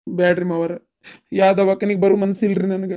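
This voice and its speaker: A woman's voice: mid-range voice, flat delivery, a little fast, warm tone, lightly acted. A woman voicing a worried elder village mother in a cartoon, speaking with a North Karnataka Kannada accent in a fretful, lamenting way. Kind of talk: cartoon dubbing.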